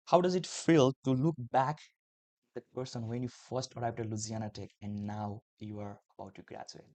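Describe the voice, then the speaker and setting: Man, podcast host, friendly, complimentary, average pitch, dry close mic. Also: fairly even intonation, moderate pace, a little mellow, dry recording. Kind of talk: casual interview conversation.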